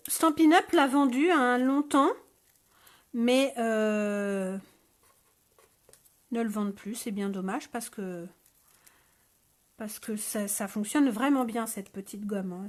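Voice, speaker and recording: A woman hosting a scrapbooking live stream, chatting casually with viewers with many hesitations and fillers, speaking French. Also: on the high side. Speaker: scrapbooking channel host. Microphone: phone.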